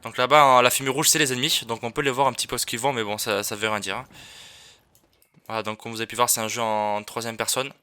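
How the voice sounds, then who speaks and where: A man's voice: mid-range voice, fairly even intonation, quick pace, sharp tone, smooth. A man giving casual, rambling commentary over his own gameplay, with many fillers and restarts. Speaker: gaming YouTuber.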